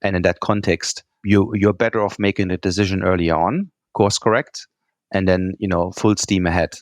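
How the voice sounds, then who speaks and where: This guest executive, a German man with a German accent, has a deep voice and a steady tone at normal speed, recorded with clean studio sound and no room sound. He answers interview questions earnestly, repeats words, and keeps checking in with "right?".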